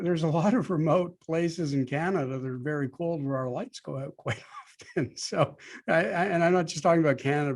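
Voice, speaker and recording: A man's voice: on the high side, vocal fry, darkish tone. A man hosting a podcast, asking conversational questions with some hesitation. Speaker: podcast host. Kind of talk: interview questions.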